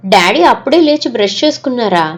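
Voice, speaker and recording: A woman's voice: mid-range voice, moderate pace, darkish tone, close to an everyday voice. A woman voicing a young schoolgirl who is grieving her late mother, speaking earnestly and plaintively.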